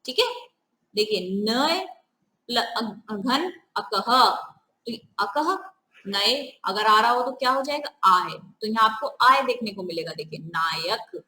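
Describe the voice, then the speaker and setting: A woman's voice: a little high, animated, takes it slowly, sharp tone, roomy sound, rough recording. A woman teaching a grammar lesson step by step, often asking the viewers questions. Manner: repeats "ठीक है", asks the viewers questions.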